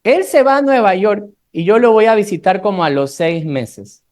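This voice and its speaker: Guayaquil-accented preacher, unhurried scripture reading. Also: mid-range voice, darkish tone. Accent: Guayaquil Ecuadorian Spanish. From Ecuador. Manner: slows down when reading scripture aloud, conversational asides to the congregation. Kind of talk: sermon Bible study.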